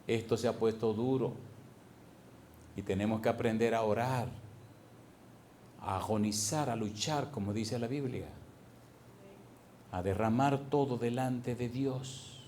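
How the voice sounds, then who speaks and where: Pastor preaching hard, goes quiet then loud, asks the crowd questions, a bit of faint noise behind. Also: male voice, mid-range voice, measured pace, long pauses. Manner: passionate preaching, swings from hushed to loud, rhetorical questions. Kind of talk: sermon.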